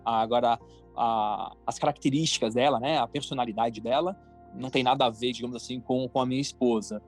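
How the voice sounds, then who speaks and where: Speaking a little fast at medium pitch with fairly even intonation, a Brazilian-accented man talks over soft background music. He is a cartoon creator and entrepreneur appearing as a podcast guest, answering questions in a relaxed, explanatory, conversational way.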